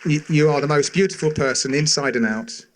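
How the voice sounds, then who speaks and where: A man's voice: on the high side, a little fast, a faint crowd, a little hiss or hum. Middle-aged man giving a father of the bride speech. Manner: sincere, affectionate, gently humorous. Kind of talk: father of the bride speech, prepared wedding toast.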